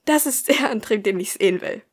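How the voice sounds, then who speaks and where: Woman doing a loud, breathless teenage girl. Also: a little high, animated, a little fast, husky. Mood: eager. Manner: loud and eager. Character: excited breathless teenage girl, bossy and cheerful.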